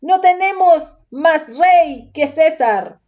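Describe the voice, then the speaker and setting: A woman reading the lines of an angry crowd of men, with raised, insistent, higher-pitched outcries. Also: expressive, takes it slowly, a little mellow, muffled recording, heavily acted. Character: angry shouting crowd of men demanding execution.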